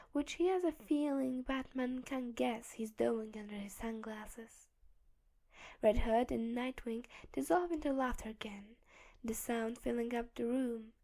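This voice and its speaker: A woman narrating a fan audiobook in a steady, measured storytelling manner. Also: a little high.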